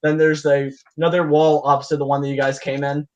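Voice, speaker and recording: Man, game master, slightly high pitch, casual narration, halting improvised delivery. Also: level tone, muffled recording.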